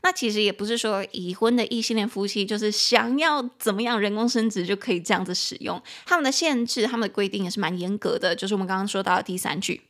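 A woman's voice: medium pitch, fairly bright tone. Chatty Taiwanese woman teaching English. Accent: Taiwanese Mandarin. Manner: chatty, spells words out slowly, self-correcting. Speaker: podcast host teaching English. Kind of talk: casual podcast lesson.

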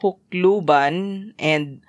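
A woman's voice: lowish voice, very slow. A Filipino woman with a Visayan accent, a native Bisaya speaker, co-hosting a casual, giggly podcast chat. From Philippines. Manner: giggly, informal. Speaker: podcast co-host.

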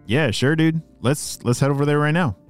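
A storyteller voicing a laid-back male cicada who talks in a relaxed, casual drawl. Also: medium pitch, moderate pace, clean tone, soft background music, natural voice. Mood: chill.

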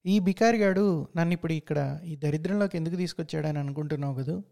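A man's voice: on the high side, quick pace, gravelly, dark tone. A man voicing a taunting ragged beggar. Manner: mocking and accusing. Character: ragged taunting male beggar, the narrator's shadow double.

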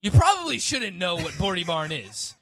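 A man's voice: high voice, huge pitch swings, normal speed, a bit bright, no room sound. A man, co-hosting a casual podcast chat in a playful, self-mocking way. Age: 20s. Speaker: co-host.

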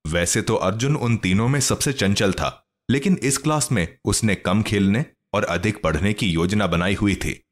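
A man with a fairly low voice reads a children's story aloud, his pitch rising and falling in a lively, expressive way. The delivery is scripted and steady, shaped for listeners following along. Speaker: narrator. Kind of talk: storybook narration.

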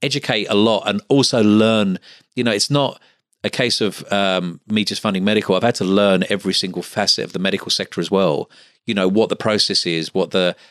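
A man's voice: lowish voice, fairly even intonation, fairly quick, a bit bright, no room sound, clean studio sound. A middle-aged man from Essex with an Essex accent, talking casually as an interview guest in a chatty, stop-start way. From Essex, England. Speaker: interview guest, medical finance business owner.

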